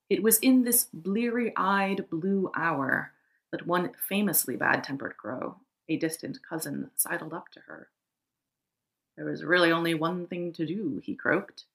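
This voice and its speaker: Calm woman reading a fable. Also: on the low side. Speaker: podcast co-host reading a fable. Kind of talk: storybook narration.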